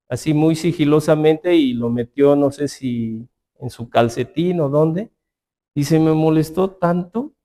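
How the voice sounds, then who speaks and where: A man's voice: a little high, a little mellow. A man teaching a church Bible class in a conversational way, telling stories with quoted dialogue.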